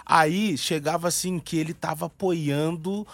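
A man's voice: a little high, unhurried. A man from Porto Alegre with a southern Brazilian accent, a comedian guest telling stories in a radio studio interview and acting out the dialogue. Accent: southern Brazilian Portuguese (gaúcho). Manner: animated storyteller who acts out quoted dialogue. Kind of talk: casual storytelling interview.

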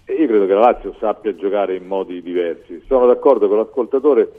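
A man's voice: lowish voice, a little fast, phone-quality sound. A man giving discursive, explanatory football commentary as a pundit on a live radio talk show.

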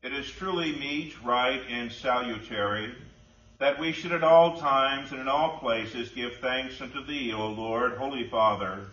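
Pastor intoning in a cathedral echo. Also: male voice, mid-range voice. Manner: solemn, measured, formal. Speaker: pastor leading a liturgy. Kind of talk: formal liturgical intoning. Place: large church sanctuary. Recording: dull, echoey church from far off.

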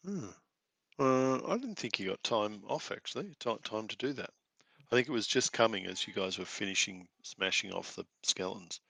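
A man's voice: lowish voice, lively intonation, normal speed, vocal fry, pushed and bright, slightly rough, dry recording. A man running a tabletop game as game master, narrating hesitantly with frequent fillers. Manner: hesitant, with many fillers and restarts. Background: music.

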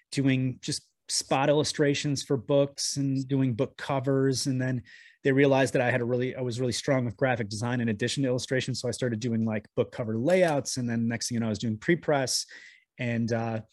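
A man's voice: medium pitch, no echo, clean studio sound. A man, a guest in an interview, talking over a video call with a shaky connection, rambling and restarting his sentences often. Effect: heard over a video call with a shaky connection. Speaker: guest, comics editor. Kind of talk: casual interview talk.

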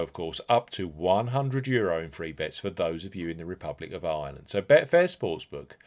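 A man's voice: low voice, a little mellow. A man hosting a podcast, reading scripted promotional narration with an emphatic sales delivery and stressed key words. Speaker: podcast host.

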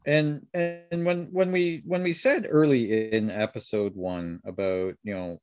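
A man's voice: medium pitch, fairly even intonation, a little slow, a little mellow. A man co-hosting a wargaming podcast, trading wry, joking banter in a casual chat. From Canada. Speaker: podcast co-host.

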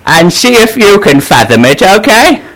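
A man putting on the voice of a polite, befuddled elderly man in a prank phone call, slow and hesitant with many pauses and uhs. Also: sits high, big pitch swings, a bit bright, pitched above the performer's own voice, heavily acted. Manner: hesitant, fumbling with frequent uhs, slow and genteel. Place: radio studio.

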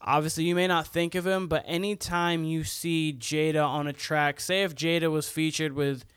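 A man's voice: on the high side, level tone, normal speed, a bit bright, clear, resonant tone, no echo, clean studio sound. A man who is a guest on a podcast, talking casually and laid-back, with lots of "uh" and "like". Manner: laid-back, fills his talk with "uh" and "like". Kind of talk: casual sports podcast chat.

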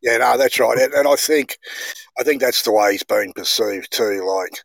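A man's voice: medium pitch, moderate pace, creaky, no room sound, rough recording. Rambling man telling stories. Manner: rambling storyteller, says mate. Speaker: podcast guest. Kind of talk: casual chat.

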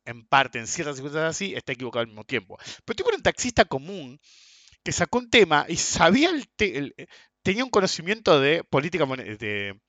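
A man's voice: a little high, sharp tone, dry recording. A man with an Argentine accent ranting in a casual monologue, blunt and crude, often tagging his sentences with "ok?" and "viste?". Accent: Argentine Spanish. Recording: dull, lo-fi and dry.

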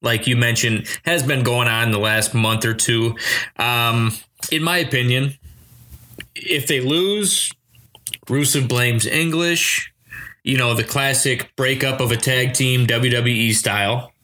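A man's voice: mid-range voice, steady tone, slow, sharp tone. A man co-hosting a podcast, teasing his partner and giving playful, confident wrestling picks in casual chat. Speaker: podcast co-host.

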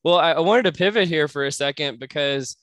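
A man's voice: on the high side, a little fast, a bit bright, no room sound. A man hosting a podcast interview, chatting in an easygoing, teasing way. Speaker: podcast host. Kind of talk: casual interview chat.

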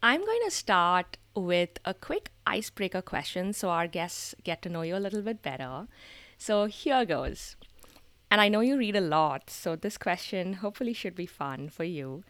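A woman co-hosting a podcast, reading a guest introduction and asking interview questions in a measured, polite way. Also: on the low side, big pitch swings, fairly bright tone, dry recording. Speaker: podcast co-host.

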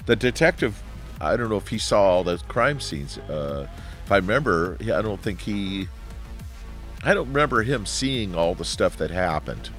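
A man guesting on a casual movie review chat, agreeable and quick to chime in with short replies. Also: lowish voice, big pitch swings, a bit bright, soft background music. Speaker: podcast guest.

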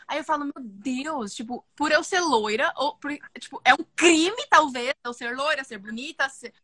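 A young woman, talking in a casual podcast conversation. Her high, bright voice comes out loud and intense, often close to shouting. The sound is close and dry. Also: moderate pace, no echo. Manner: loud, intense and expressive, talks animatedly. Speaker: podcast guest.

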